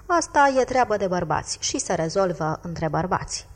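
A woman voicing a gruff, threatening middle-aged father who speaks curtly and menacingly in an audiobook. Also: lowish voice, very animated, long reverb tail. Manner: menacing, curt.

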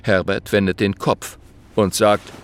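A man narrating a children's audiobook, lively and playing many characters. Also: on the low side, measured pace, slight background noise. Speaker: storyteller.

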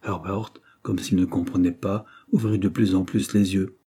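A man reading a novel aloud as narrator in a measured, steady way. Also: deep voice, slightly rough. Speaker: audiobook narrator.

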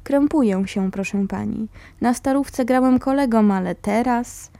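A woman's voice: on the high side, a little slow, creaky, warm tone, no room sound. A woman reading the quoted lines of an exhausted young male insurgent who speaks respectfully and apologetically to his teacher. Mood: polite.

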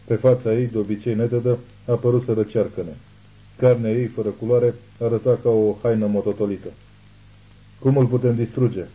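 A male audiobook narrator with a low, very dark voice reads in a measured, ominous way. A husky grain runs through his narration. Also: level tone, poor audio. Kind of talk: scripted narration.

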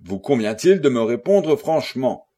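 A man's voice: mid-range voice, big pitch swings, moderate pace, mellow. A man reading a stern, formal police agent in an audiobook, speaking solemnly. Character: agent de la sûreté, homme mûr, sévère.

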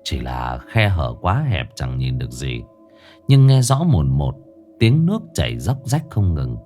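A man narrating a ghost story in an expressive way. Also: a bass voice, a little slow. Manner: lively, expressive. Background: faint music.

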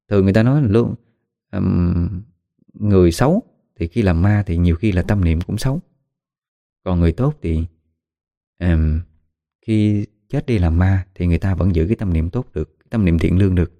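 A man's voice: deep voice, warm tone, no echo. A man with a Southern Vietnamese accent narrating a ghost story in a conversational way with dramatic asides. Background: faint music.

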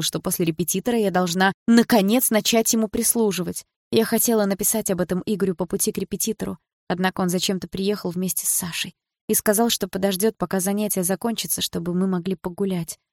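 A woman's voice: mid-range voice, no room sound, studio quality. A woman narrating a first-person audiobook in an indignant, emotional way.

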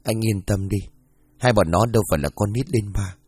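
A man's voice: on the low side, fairly quick, darkish tone, slightly rough, no room sound. A man reading a blunt young wife. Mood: persuasive. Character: young married woman, blunt and irritable.

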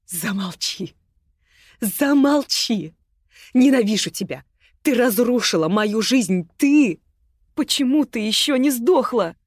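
A woman reading an audiobook voices a bitter, furious young woman with a knife, scornful and shouting. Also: medium pitch, a little slow, few pauses, no echo, clean studio sound, close to an everyday voice.

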